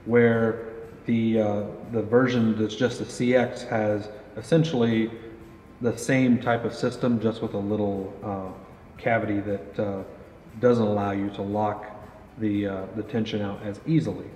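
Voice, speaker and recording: His voice is on the low side and darkish, the tone level and the pace a little slow. The thirty-something man, a company pro staff interviewer, casually talks with a guest and explains archery gear in a product interview at an indoor range, leaning on many fillers. The recording sounds dull and roomy, with faint noise.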